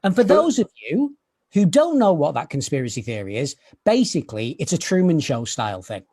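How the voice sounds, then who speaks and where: A man's voice: fairly high pitch, sing-song, a little fast, slightly rough. A man, doing a dry, self-deprecating stand-up set over a video call. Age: 30s. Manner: dry, self-deprecating storytelling with quiet asides. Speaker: stand-up comedian.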